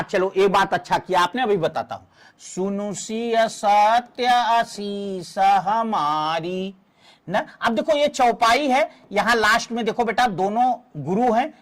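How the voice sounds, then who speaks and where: A man teaching a Hindi exam-prep class, explaining verse meter slowly and counting syllables aloud for his students. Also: sits high, a bit bright.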